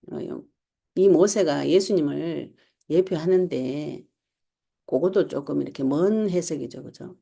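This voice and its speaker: A woman pastor, preaching a sermon in a lively storytelling way and acting out the quotes. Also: fairly low pitch, vocal fry. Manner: animated storytelling preacher, acts out quotes, laughs often. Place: online church service.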